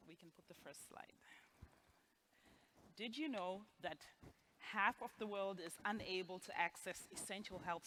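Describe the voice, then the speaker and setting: A Zimbabwean woman in her forties stands on stage in a gala event hall, telling a personal story and laughing at her own asides. Her voice sits in the mid-range with a slightly bright quality, and a faint hiss or hum runs beneath it.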